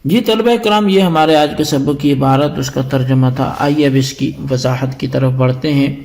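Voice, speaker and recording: Male religious teacher, fairly high voice, patient step-by-step scholarly lecture. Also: vocal fry, darkish tone. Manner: explanatory, defines terms step by step. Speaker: teacher of Quranic exegesis.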